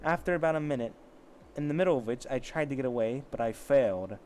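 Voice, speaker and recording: Fast and animated, a man with a darkish mid-range voice reads amateur fiction aloud while tossing in crude, sarcastic remarks. There is a little hiss or hum on the recording, and the whole delivery stays casual.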